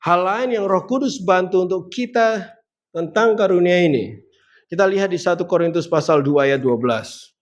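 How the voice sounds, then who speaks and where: A man delivers a sermon in a high voice. He builds emphasis as he goes, lifting his voice on the key points. He turns to the congregation with direct questions as he preaches. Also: moderate pace.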